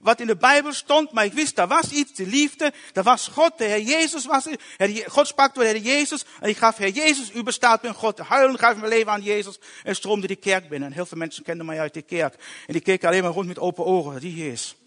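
A man giving an emotional personal conversion testimony in a halting storytelling way, often restarting his words. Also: high voice, fairly bright tone. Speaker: testimony speaker.

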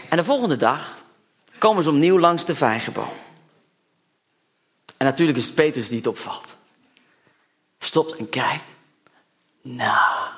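A man's voice: fairly high pitch, a bit bright, slightly rough. A man preaching a sermon, telling a Bible story with chatty asides and acting out the disciples' lines.

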